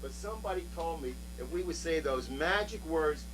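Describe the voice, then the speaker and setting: A man's voice: on the high side, expressive, moderate pace, noisy background. A man working as a children's party magician, giving showy magic patter, coaxing the young audience and counting aloud on an amateur home video. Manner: coaxes audience, counts aloud, theatrical presenting.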